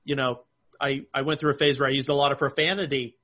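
A man's voice: medium pitch, little pitch movement, fast, sharp tone. A man co-hosting a podcast, chatting in a casual, anecdotal way. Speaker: podcast co-host. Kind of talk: casual conversation.

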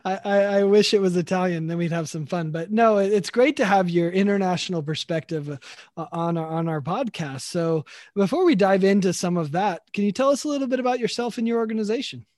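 Male American podcast host, notably high register, conversational interviewing, dry studio-like sound. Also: a little fast, darkish tone, dry recording.

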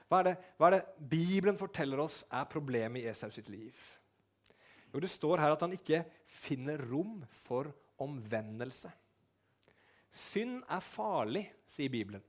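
A man preaching a sermon, retelling a story vividly and briefly acting out the figures' lines. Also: a little high.

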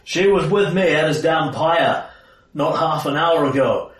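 A man voicing a forceful character who steps in to stop a fight and orders people to stand down. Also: on the high side, measured pace, pitched above the performer's own voice, natural voice. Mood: commanding, stern. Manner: forceful, raised commanding voice. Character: commanding man stepping in to stop a brawl. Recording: echoey room, far mic, faint noise.

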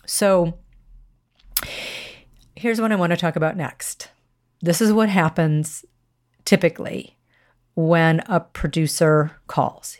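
A woman hosting a podcast as a media coach, giving instructional advice in a clear, measured way. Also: low-pitched, darkish tone.

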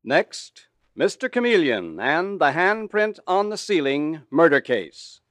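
A man's voice: a little high, big pitch swings, slow, a bit bright. A man narrating a 1940s radio mystery in the formal, dramatic delivery of an old radio announcer. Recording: vintage 1940s radio recording with music. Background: music.

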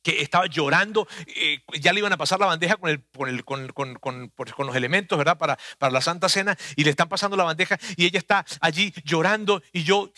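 A man's voice: fairly high pitch, fast, few pauses, bright, forceful tone, no echo, clean studio sound. A man, preaching a conversational sermon that speaks earnestly and personally to the listener.

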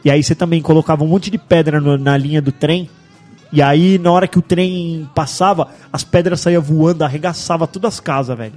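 A man hosts a loose podcast chat, telling stories in slang and throwing in sound effects. His voice sits a little high. Faint music plays underneath. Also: a little fast, darkish tone. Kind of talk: casual chat. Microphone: studio microphone with headphones.

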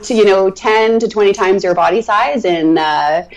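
A woman's voice: medium pitch, normal speed, lo-fi sound, slight background noise. A woman working as a nurse manager, talking casually as an interview guest and often restarting her sentences. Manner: chatty, with many restarts. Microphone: radio show mic.

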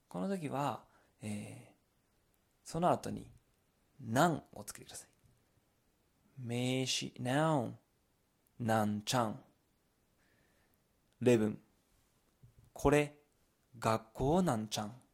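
A man with a Kansai accent walks learners through dialect phrases one step at a time, stopping to gloss words in English. His voice has a gravelly, fry-edged texture with a husky, slightly breathy grain. He sits at a middle pitch and sounds patient and methodical. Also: slow pace, pauses often. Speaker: language teacher.

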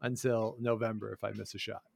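A man's voice: lowish voice, level tone, brisk, vocal fry, darkish tone. A man co-hosting a casual sports podcast, talking with wry sarcasm and chuckling asides. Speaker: podcast co-host.

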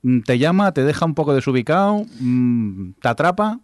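A man's voice: medium pitch, very animated, moderate pace, no room sound, studio quality. A man from hosting a casual podcast chat, thoughtful and hesitant with fillers. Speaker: podcast host.

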